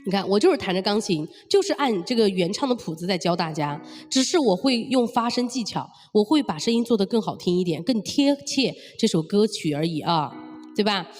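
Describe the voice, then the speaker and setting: A woman's voice: mid-range voice, expressive, fairly quick, a little mellow. A woman singing teacher explaining technique at the piano, stepping through points and checking in with rhetorical questions. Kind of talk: vocal lesson at the piano. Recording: long reverb with piano music behind.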